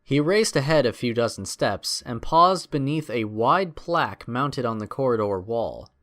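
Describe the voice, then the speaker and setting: With lively intonation that moves up and down from a medium pitch, a male narrator reads an adventure story in a dramatic, scripted way, going a little slow.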